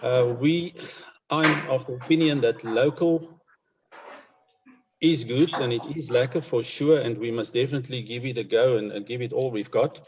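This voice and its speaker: Man, Namibian accent, mid-range voice, hesitant and measured, informal interview, muffled low-fidelity sound. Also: a little hiss or hum. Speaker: conservationist interviewed as guest. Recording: dull lo-fi online call audio.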